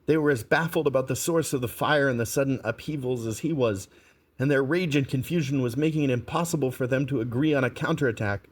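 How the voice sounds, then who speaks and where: Male audiobook narrator, mid-range voice, calm and measured. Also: medium pitch, slightly rough. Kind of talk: scripted narration.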